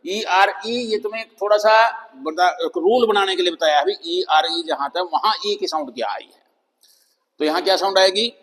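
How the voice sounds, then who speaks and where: A man with a Hindi accent teaching English pronunciation, slowly spelling out letters and repeating example words one by one. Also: high-pitched, fairly bright tone. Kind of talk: classroom-style pronunciation lesson. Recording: long reverb of a hall-like room.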